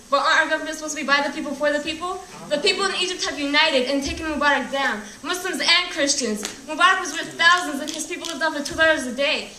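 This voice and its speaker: A woman's voice: sits high, sharp tone, a little hiss or hum. A teenage girl performing spoken word poetry at a student slam, with an impassioned delivery that runs through lists. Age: teens. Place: school hall. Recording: echoey hall from far off.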